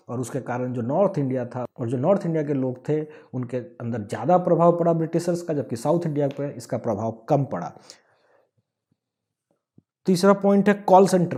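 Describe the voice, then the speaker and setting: A man from Bihar with a Bihari accent, explaining an online English lesson with everyday examples and lively emphasis. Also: mid-range voice. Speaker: English teacher.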